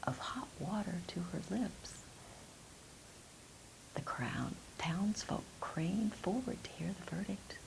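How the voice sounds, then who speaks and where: Animated, unhurried woman storyteller. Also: lowish voice, in a whisper, low-quality recording. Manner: dramatic, deliberate phrasing. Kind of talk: expressive storytelling of a folk tale. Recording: clear background hiss.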